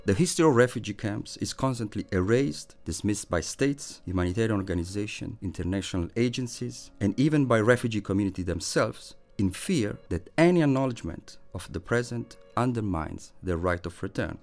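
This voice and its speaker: A man reading a scripted, measured narration as a voice-over. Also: on the low side, animated, a little mellow. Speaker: presenter. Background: faint music.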